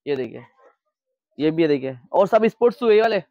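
A man selling shoes in an indoor shop, talking quickly and joking as he pitches prices into a lapel mic. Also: lively intonation, warm tone, no echo, highs cut off. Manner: fast, joking salesman talk. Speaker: shop owner showing shoes. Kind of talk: lively sales pitch.

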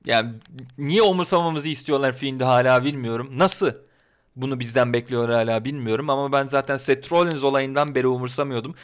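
A man giving his casual opinions in a vlog, talking in an excitable, ranting, colloquial way. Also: medium pitch, fairly quick, clean tone. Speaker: wrestling commentary vlogger.

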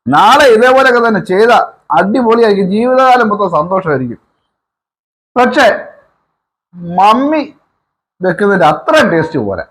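A man acting as husband and son in a comic family skit, coaxing and teasing with drawn-out praise. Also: high voice, sing-song, fairly bright tone, heavily acted.

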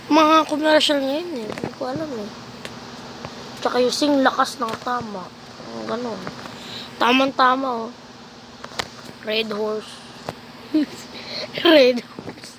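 Playful high-voiced woman gaming. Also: fairly even intonation, measured pace, pauses often. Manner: playful, teasing, bursts of shouting and laughter. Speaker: gaming vlogger. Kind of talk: casual mobile game commentary. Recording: noisy background.

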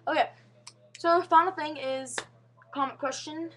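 A woman's voice: high voice, steady tone, a little slow, a bit bright. A young woman vlogging casually to a webcam at home, rambling earnestly with frequent restarts and fillers. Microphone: webcam mic.

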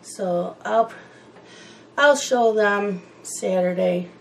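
Woman, casual coloring chat, rambling and chatty, gravelly voice, faint pencil scratching behind. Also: medium pitch, drawn-out words, a little hiss or hum, low-quality recording. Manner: rambling, chatty, wandering off topic. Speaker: coloring channel host.

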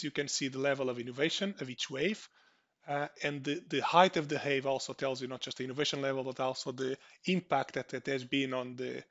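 A Portuguese man with a Portuguese accent gives an online conference presentation, hesitant and full of restarts and fillers. His voice is mid-range and a bit bright, with vocal fry, and the recording sounds muffled.

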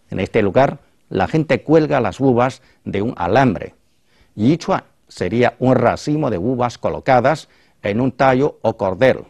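Animated male language teacher, dry sound. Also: medium pitch, no echo. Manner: clear, explanatory, reads and translates phrases. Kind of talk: explaining Chinese to a Spanish-speaking audience.

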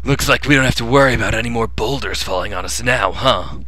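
Man voicing a bright, dramatic young student adventurer. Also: mid-range voice, fast talker, no echo. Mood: cautious. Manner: expressive, dramatic, casual. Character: eager, easily flustered young male student adventurer. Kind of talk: acted video game dialogue reading.

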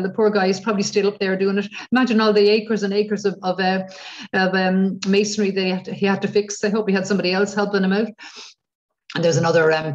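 A middle-aged Irish woman gives an informal guided-tour talk, chatty and rambling with hesitations, over a video call. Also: mid-range voice. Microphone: computer mic on video call. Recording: muffled video-call audio.

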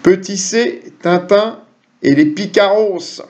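This middle-aged quiz host has a high-pitched voice with a darkish tone and talks slowly, reading questions to camera and making jokey, chatty asides to viewers. He's set up in a small room at home with a desk webcam or computer mic; the recording is dull and lo-fi.

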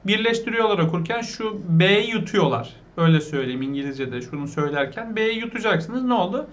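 High-voiced Turkish man teaching English words. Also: animated, lo-fi sound. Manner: asks the viewers questions, repeats the words slowly. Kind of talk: vocabulary lesson for beginners.

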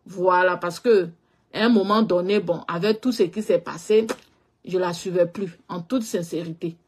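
In a lowish, breathy voice with fairly even intonation at normal speed, a woman with a West African French accent candidly shares a personal story. This social media personality rambles casually and repetitively, frequently fading out on filler phrases.

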